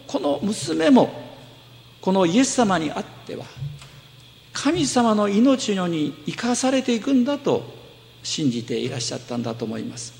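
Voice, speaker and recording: Male pastor, gravelly and a bit high-pitched, explaining gently, with long hall reverb. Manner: gentle explaining, with fillers and self-corrections. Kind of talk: sermon.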